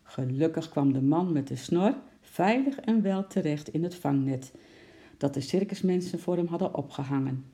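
A man reading a children's storybook aloud in a steady, expressive narration. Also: fairly high pitch, moderate pace.

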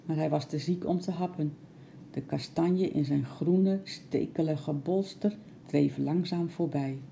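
A woman narrating a children's storybook aloud in a calm, lively way. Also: sits low, a little slow, vocal fry, a little hiss or hum.

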